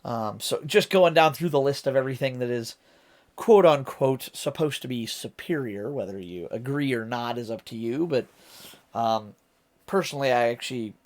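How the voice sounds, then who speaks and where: A man's voice: mid-range voice, moderate pace. A man from Ohio with an American accent, hosting a reaction video and explaining lyrics in a casual, rambling way as he thinks aloud. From Ohio, United States.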